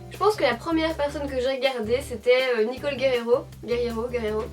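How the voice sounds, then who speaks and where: A woman's voice: high voice, fairly even intonation, fast talker, recorded from a distance, soft background music. A woman of twenty-four with a Belgian French accent from Hainaut, chatting casually to camera at home as a YouTuber, rambling along with fillers and self-corrections. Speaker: beauty YouTuber answering a tag. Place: at home, indoors.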